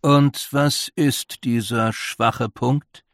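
A man's voice: medium pitch, steady tone, very slow, gravelly, dry recording, pitched above the performer's own voice. A cautious older councilman, voiced by a male reader, who speaks in a dry, skeptical way. The sound is close and dry.

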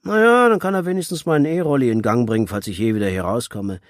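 A man voicing a gruff older father and former punk, murmuring at times and calling out loud at others, in a storybook reading. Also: medium pitch, fast, no echo, studio quality, voice pushed up, close to an everyday voice. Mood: wry.

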